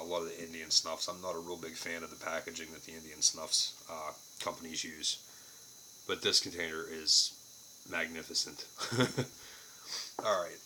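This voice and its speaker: Deep, bright-voiced man reviewing casually. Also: a little hiss or hum, poor audio. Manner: plain-spoken, casually profane. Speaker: product reviewer. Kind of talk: casual unscripted review to camera.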